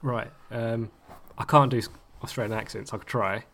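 A man's voice: medium pitch, fairly even intonation, moderate pace, creaky, fairly bright tone, slight background noise. A man co-hosting a podcast, talking casually with lots of ums and easy laughs. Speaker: podcast co-host. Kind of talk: casual chat.

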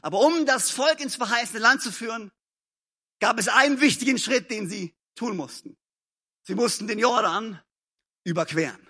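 A man with a high voice and a bright tone preaches an evening sermon to a church congregation. He talks emphatically, repeating short phrases, and he swings from loud calls to quiet, intimate passages. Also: normal speed, slightly rough. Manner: admits to stumbling over sentences and grammar. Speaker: pastor. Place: church service.

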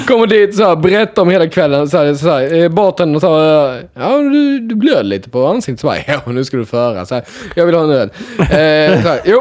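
A young man casually telling a chaotic story to friends, animated, laughing often and swearing freely. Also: on the high side.

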